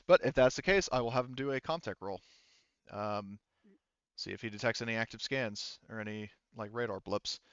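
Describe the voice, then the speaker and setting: A man running a tabletop roleplaying game narrates on a headset in a casual, halting way, correcting himself as he explains. His voice is on the low side with a clean tone, and the audio is dull with no room sound.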